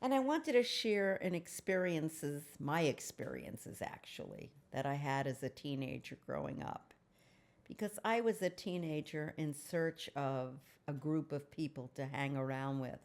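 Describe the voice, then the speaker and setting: Unhurried and expressive, a low-voiced woman in her seventies, host of an advice program, reads from her diary in a loose, candid, rambling way. She keeps it chatty and pokes fun at herself along the way.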